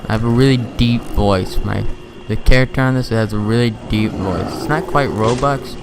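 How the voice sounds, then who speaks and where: A teenage gaming video host chatters and rambles with jokey asides as he plays a video game at home at night. His voice is medium in pitch at a moderate pace, with game sounds and music running in the background.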